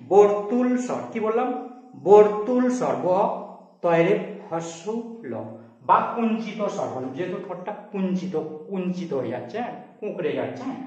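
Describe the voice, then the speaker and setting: High-voiced male teacher in an echoey room. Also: a little mellow. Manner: explains step by step, often asks "okay?" to check students follow. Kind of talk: blackboard grammar lesson. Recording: echoey room, distant mic, dull sound.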